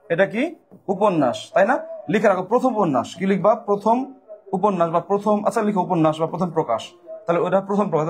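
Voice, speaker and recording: A man with a Bangladeshi Bengali accent, tutoring for university admission exams, drilling students with repeated questions and answers. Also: high voice. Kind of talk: lecture solving exam questions.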